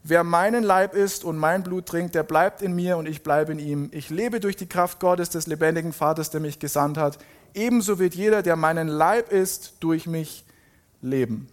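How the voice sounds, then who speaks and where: A man reading a Bible passage aloud and stopping now and then to comment on it in a casual, emphatic way. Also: a little high. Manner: reads scripture slowly with emphatic rises, then comments casually. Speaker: preacher.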